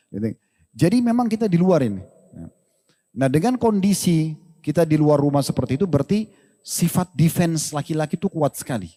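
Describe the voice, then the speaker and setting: Lively preacher in a reverberant hall. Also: male voice, a little high. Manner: animated, rhetorical questions, jokes and laughs with the crowd. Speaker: Islamic preacher. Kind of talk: religious lecture to an audience.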